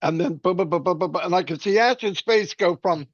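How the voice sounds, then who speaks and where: A man on a webinar telling a story in a casual, animated way, acting out the voices he quotes and restarting often. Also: high voice, a little fast, no room sound, muffled recording.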